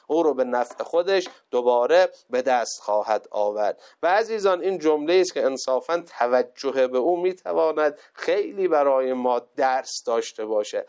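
A man's voice: medium pitch, darkish tone. A man preaching a sermon, telling a religious story and exhorting listeners with rising passion.

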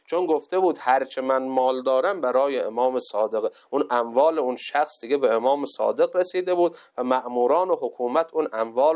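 A man delivering an impassioned sermon. His voice sits on the higher side for a man, and he tells a story and then presses his listeners hard with urgent exhortation. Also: a little mellow. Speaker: preacher.

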